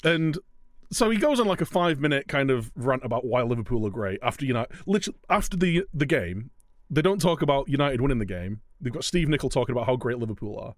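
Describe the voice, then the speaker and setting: A man's voice: mid-range voice, lively intonation, fast, no echo, studio quality. A young man co-hosting a casual football podcast, laughing often and slipping into mock quotes. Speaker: podcast co-host.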